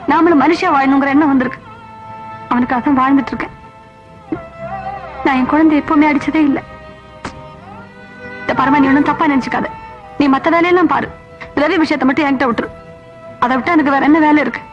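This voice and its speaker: A woman's voice: high-pitched, dull audio, lightly acted. An actress playing a strict mother who nags and scolds her young son in a film comedy scene. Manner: sharp, nagging and scolding.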